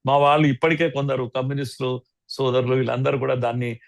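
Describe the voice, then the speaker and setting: Telugu-accented guy, gravelly voice, lecturing hard and emphatic, dry close sound. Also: medium pitch, little pitch movement, fast talker, dry recording. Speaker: guest commentator. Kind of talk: studio interview.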